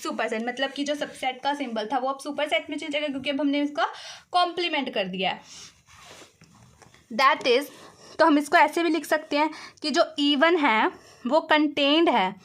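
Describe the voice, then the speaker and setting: High-voiced woman teaching math. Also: moderate pace, fairly bright tone. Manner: keeps asking and answering her own questions, mixing Hindi with English math terms. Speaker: mathematics lecturer. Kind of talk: explaining a proof step by step.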